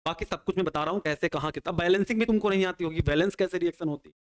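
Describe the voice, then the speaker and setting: Racing along in a high-pitched voice, a male chemistry teacher leads an online exam-prep lecture. He explains reactions one step at a time at a working pace and answers his own questions on the students' behalf.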